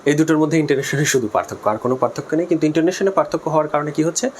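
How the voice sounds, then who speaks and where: A man with a Bangladeshi accent who teaches a linguistics lesson, explaining slowly, repeating key terms, spelling words aloud and mixing in English terms. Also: on the high side, slight background noise. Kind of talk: spoken lesson.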